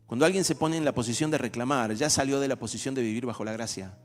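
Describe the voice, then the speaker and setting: A man's voice: mid-range voice, fast talker. A man, a pastor giving a conversational sermon and acting out everyday dialogues. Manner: animated, acts out everyday dialogues. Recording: reverberant hall with soft music.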